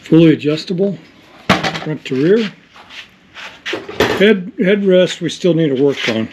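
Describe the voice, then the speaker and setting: A man's voice: a little high, lively intonation, unhurried, background noise. A man hosting a garage build video, chatting and teasing his helper in casual shop talk. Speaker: host of a rat rod build video. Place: home garage workshop.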